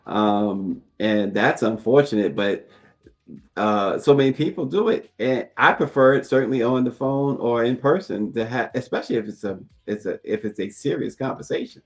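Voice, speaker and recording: This is a man co-hosting a casual talk stream. He has a mid-pitched voice and stays relaxed and easygoing, chuckling as he reads out comments from the chat. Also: moderate pace. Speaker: co-host.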